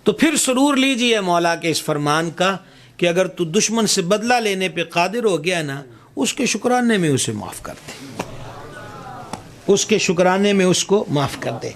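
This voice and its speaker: A man preaches with fervor, switching into the voices of the people in his story. His voice sits high. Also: expressive. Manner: impassioned, acts out voices in the story. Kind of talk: sermon.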